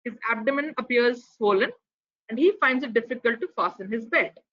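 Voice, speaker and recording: A woman's voice: fairly high pitch, brisk, fairly bright tone. Indian woman lecturing over muffled audio. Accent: Indian English. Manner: explanatory, poses rhetorical questions, some restarts. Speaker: pathology lecturer giving a keynote. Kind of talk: online lecture.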